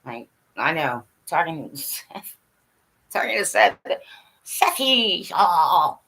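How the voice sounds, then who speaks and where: Her voice is lowish, husky, and sharp, with vocal fry, and she sounds very animated while speaking slowly. This woman hosts a livestream, addressing her audience directly and seeking their agreement as she rambles bluntly, cursing and laughing along the way.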